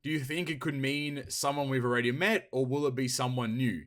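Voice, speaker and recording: A man's voice: medium pitch, a little fast. A young man hosting a casual podcast, reading listener questions aloud and joking around with crude language. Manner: profane, laughing, reads listener questions aloud. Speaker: podcast host. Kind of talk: casual chat.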